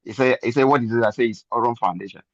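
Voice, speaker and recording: A man's voice: medium pitch, rapid-fire, dry recording, muffled recording. An older man giving an earnest, preachy testimony and repeating phrases for emphasis. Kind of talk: motivational testimony.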